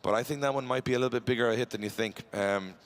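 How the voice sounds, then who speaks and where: A man's voice: medium pitch, rapid-fire. A man giving live drift commentary, chatty and bantering with his co-host.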